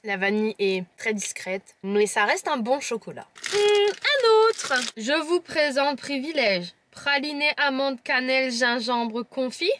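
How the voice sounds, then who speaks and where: Her voice on the high side and a bit bright, the Lorraine-accented vlogger takes her time, speaking unhurriedly with few pauses. A little hiss or hum sits under the clip as she playfully chats to camera, tasting and describing chocolates and teasing viewers.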